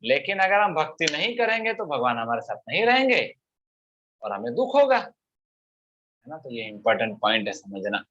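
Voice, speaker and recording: A male preacher with a fairly high voice gives a scripture discourse. He explains each point and checks in with rhetorical questions. The recording is dull and lo-fi. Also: sing-song, normal speed, pushed and bright, a little hiss or hum.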